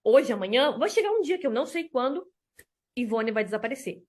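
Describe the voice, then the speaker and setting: A woman with a high voice gives a casual teaching talk as a therapist. She tells personal stories and voices both sides of conversations in an animated way. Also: a little fast. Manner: animated storytelling, acts out dialogue. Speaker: enneagram therapist. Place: lives in Spain.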